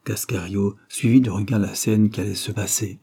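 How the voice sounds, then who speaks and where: Mellow, husky-voiced male audiobook narrator. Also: lowish voice. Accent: French. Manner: measured, expressive reading. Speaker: audiobook reader. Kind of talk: scripted narration of a classic novel.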